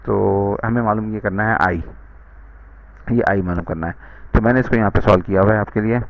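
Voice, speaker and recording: A man's voice: on the low side, fairly even intonation, brisk, vocal fry, no echo. A man giving a recorded university lecture, talking students through a circuit problem with many uh fillers. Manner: code-switching into English, frequent uh fillers, direct address to students. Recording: dull lo-fi.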